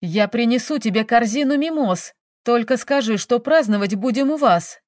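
A woman's voice: on the high side, animated, normal speed, a little mellow, no echo, studio quality, close to an everyday voice. A woman voicing a playful, whiny grown man, a detective who pleads and wheedles, in an audiobook. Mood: whiny, wheedling.

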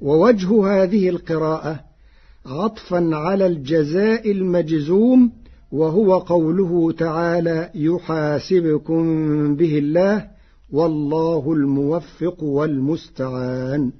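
A man from Egypt giving a formal radio lesson on Quran readings, measured, chanting the quoted verses slowly in a husky voice. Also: on the high side. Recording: dull lo-fi radio broadcast recording.

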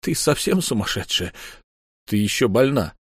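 A male audiobook reader playing a brooding, tormented warrior husband who speaks low and grim. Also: very animated, normal speed, slightly rough, dry recording, studio quality.

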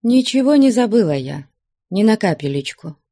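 A woman's voice: medium pitch, sing-song, normal speed, dark tone, no echo, studio quality, pitched above the performer's own voice. A woman doing a grumpy young choir nun. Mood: fretful. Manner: grumbling, snappish.

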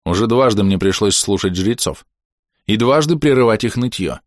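Guy reading an audiobook, lively up-and-down voice, dry close sound. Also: fairly low pitch, moderate pace, no echo. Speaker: audiobook narrator. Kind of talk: first-person audiobook narration.

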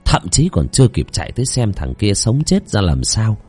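A man telling a village horror story in a dramatic, expressive voice. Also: lowish voice, moderate pace, husky.

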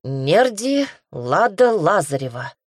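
A woman's voice: deep voice, lively intonation, moderate pace, a little mellow, no room sound, studio quality. A woman voicing a haughty aristocratic lord and single father who talks in an arrogant, curt and stiffly formal way.

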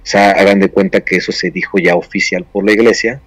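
A man's voice: low-pitched, steady tone, fairly quick, a bit bright, dry recording. A man casually recounting a story on a paranormal talk show, rambling with many restarts.

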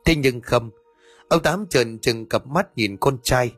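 A man narrating a story as an audiobook reader, steady and even. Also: mid-range voice, slow, no echo, soft background music.

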